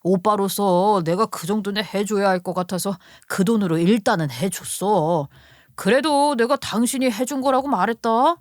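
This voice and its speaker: A woman's voice: mid-range voice, normal speed, no room sound, clean studio sound, close to an everyday voice. A woman voicing a sheepish, apologetic middle-aged husband who pleads and wheedles in a storybook radio tale. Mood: pleading.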